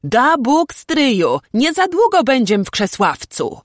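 A woman voicing an eager, bitter young male nobleman who talks loudly in old-fashioned speech. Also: on the low side, takes it slowly, no echo, studio quality, pitched above the performer's own voice. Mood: grieving. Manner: loud and excited, archaic speech.

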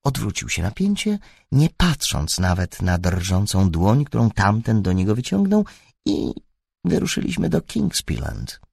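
A man narrates a story in an unhurried reading with a gravelly, husky voice. His pitch sits low but swings widely across phrases. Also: wildly swooping pitch, a little mellow, no echo, studio quality. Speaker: audiobook narrator. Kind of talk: scripted narration.

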